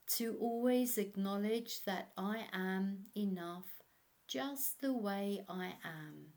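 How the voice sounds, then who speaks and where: A woman narrating a guided meditation as an instructor, in a measured way. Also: medium pitch, a little mellow. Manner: slow, measured, instructional delivery.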